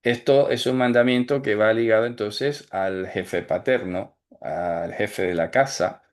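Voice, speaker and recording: A man giving a religious teaching, explaining in a conversational way and slowing down to stress key words. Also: lowish voice. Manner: explanatory, asks "¿vale?" and "¿sabes?" often, slows to stress key words. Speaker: teacher of Torah commandments. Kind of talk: recorded teaching talk.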